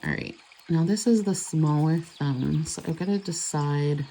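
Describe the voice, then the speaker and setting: A woman's voice: sits low, unhurried, mellow, a little hiss or hum. A woman chatting casually and rambling as she does her nails. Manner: chatty, rambling, self-correcting. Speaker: nail vlogger. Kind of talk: casual chat while doing nails.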